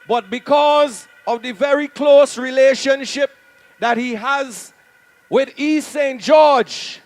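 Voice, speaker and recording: A man emceeing a political rally, hyping the crowd and shouting out speakers' introductions. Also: very high voice. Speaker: master of ceremonies.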